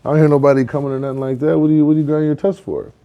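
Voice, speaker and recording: A man's voice: a little high, flat delivery, rapid-fire, muffled recording, voice pushed up, close to an everyday voice. A man voicing a curious, streetwise male fox who talks in slang. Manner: slangy, pushy questioning.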